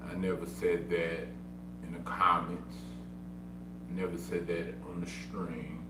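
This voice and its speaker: Speaking a little slowly in a low voice with little pitch movement, a stuttering streamer rambles through a casual monologue. He keeps repeating himself, insistent and self-defending, while an echoey room, a distant mic, and humming noise color the audio.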